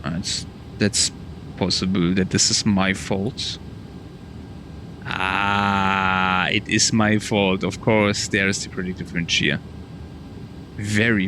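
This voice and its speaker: Man, low voice, casual flight sim commentary, thinking aloud, muttered checklist talk, clear cockpit hum behind. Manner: muttering to self through checklist steps, exclaiming mildly. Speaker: flight simulator streamer playing the pilot. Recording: steady noisy cockpit ambience behind. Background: simulated aircraft cockpit hum.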